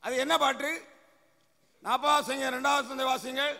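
A man's voice: extremely high pitch, fairly even intonation, brisk, bright, forceful tone. A male pastor preaching a sermon in a church, emphatic and repetitive, posing questions and answering them himself. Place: church sanctuary. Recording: echoey church hall.

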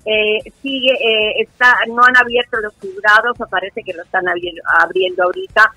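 A woman's voice: medium pitch, fairly even intonation, normal speed, pushed and bright, no echo. An older woman, a guest calling into a talk show by phone. She sounds faint and far off, and she talks affectionately, full of endearments. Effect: phone call, heard faintly as if from far off. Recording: distant phone line.

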